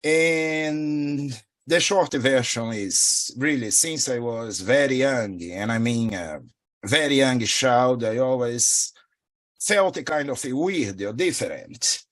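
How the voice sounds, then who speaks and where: A middle-aged man whose Brazilian Portuguese accent colors his English. He talks as a spiritual teacher in an interview, wandering through his thoughts in a reflective, unhurried way and dropping in soft laughs and filler phrases. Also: medium pitch, lively intonation.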